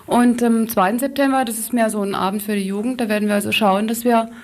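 Speaking as a campaign activist in a radio interview, a woman explains things off the cuff, haltingly, and corrects herself along the way. Her voice is fairly high, steady in tone, and a little mellow.

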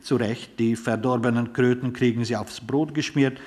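A man's voice: medium pitch, steady tone, normal speed, darkish tone, close to an everyday voice. A man voicing a pompous, theatrical middle-aged father with a Viennese accent, speaking in grandiloquent, blustering phrases. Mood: smug.

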